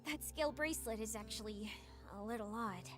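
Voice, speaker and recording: Actress as a kind young ranger, bright high voice. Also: female voice, brisk, lightly acted. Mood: gentle wistful. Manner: friendly, reassuring. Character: kind, modest, easygoing young trainee ranger woman. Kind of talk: video game voice acting. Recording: music under the voice.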